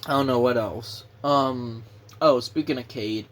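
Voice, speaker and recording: A man's voice: mid-range voice, unhurried. A young man with a sore throat gives a casual, rambling movie review, restarting his sentences and swearing now and then.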